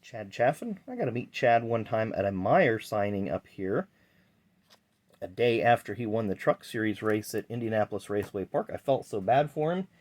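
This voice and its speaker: Man, low voice, chatty rambling vlog host showing off collectibles. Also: expressive, moderate pace, darkish tone. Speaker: channel host. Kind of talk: casual card-collecting vlog.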